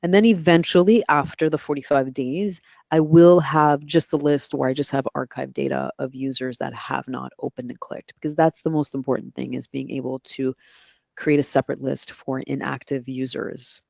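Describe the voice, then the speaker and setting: This woman has a very deep voice with vocal fry, a darkish tone, fairly even intonation and a normal speaking speed. She's a guest expert in a live webinar, fielding questions and laying out her methods in practical steps, correcting herself along the way. Her voice suits radio, and the recording is dry.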